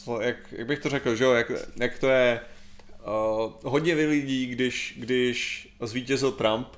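A man with a mid-pitched voice talks things through in a rambling, hesitant way. He leans on fillers and circles back as he chats casually. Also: fairly even intonation. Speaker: podcast co-host. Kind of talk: casual chat.

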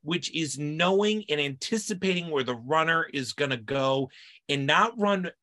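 Male co-host, somewhat high, bright tense voice, heated sports rant. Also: animated, moderate pace. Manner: heated, emphatic. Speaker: podcast co-host. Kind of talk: casual sports chat.

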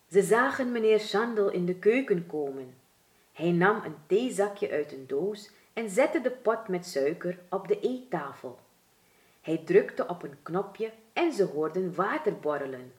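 A woman with a Surinamese Dutch accent reads a children's storybook aloud, taking her time over every sentence. Her voice swings lively up and down as she tells it. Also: fairly low pitch. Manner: expressive, deliberate.

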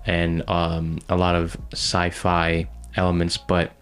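Very deep-voiced man chatting about films. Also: monotone, takes it slowly, fairly bright tone. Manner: enthusiastic, rambling with restarts. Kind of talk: casual film discussion chat.

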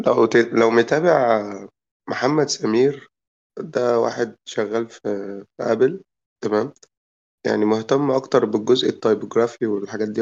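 A product designer with an Egyptian accent speaks in a lowish, creaky, darkish voice worn down by a cold, captured on lo-fi audio. In a casual group discussion, he explains his point at length and keeps checking that his listeners follow him.

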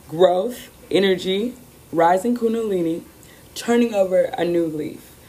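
Female spiritual host, worn rough voice, lowish and unhurried, emphatic affirmations, faint noise behind. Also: mellow, low-quality recording. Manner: affirming, emphatic, repeats phrases. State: voice worn and rough after a weekend of celebrating. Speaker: host of a spiritual card-reading show. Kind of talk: upbeat spiritual talk, weekly card reading.

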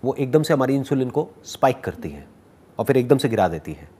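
A man speaking at a medium pitch, with a lively, swinging intonation. He gives motivational life advice to an audience and answers their questions. He teases his questioners playfully and drops English phrases into his Hindi. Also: fairly quick, a little hiss or hum. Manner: animated and teasing, mixes English phrases into Hindi. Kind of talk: motivational talk with live Q&A.

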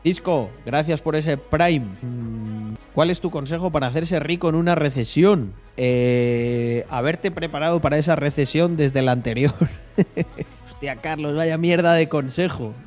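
A man's voice: on the high side, a little slow, a little mellow, faint music behind. A young man from Spain with a Spanish accent, talking to his livestream chat in a casual, emphatic way, often repeating words and swearing. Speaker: streamer.

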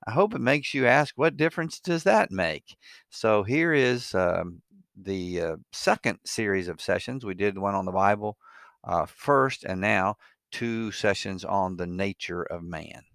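A man's voice: fairly low pitch, measured pace, fairly bright tone, dry recording, studio quality. An older man hosting a podcast, introducing it casually in a reflective, conversational and slightly hesitant way. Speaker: podcast host.

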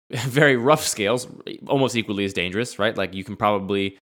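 A man's voice: fairly low pitch, fairly quick, a bit bright. A man co-hosting a casual conversation, working through his argument and laughing often. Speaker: podcast co-host.

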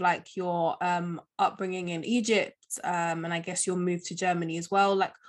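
Friendly woman podcast host. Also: fairly low pitch. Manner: friendly, with hedging fillers in questions. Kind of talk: scripted intro and interview questions.

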